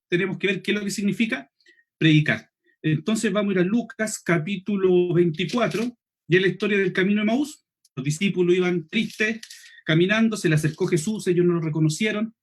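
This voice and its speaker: A high-voiced man with a Chilean Spanish accent, teaching a preaching seminar online. He talks quickly, eats his final S sounds and keeps checking in with the listeners. The voice has a husky edge. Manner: quick, clipped speech, swallows final S, frequent "¿cierto?" checks. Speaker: preaching instructor.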